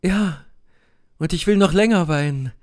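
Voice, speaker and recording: A man's voice: high voice, measured pace, darkish tone, pitched above the performer's own voice. A man voicing a passionate young noblewoman, fiery and grieving, in an audiobook reading with impassioned outbursts. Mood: sorrowful.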